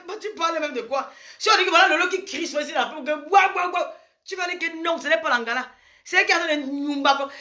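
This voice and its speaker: A woman's voice: sits high, bright, forceful tone. A woman giving a frank advice monologue to camera, emphatic and repetitive, with sudden exclamations. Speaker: advice vlogger.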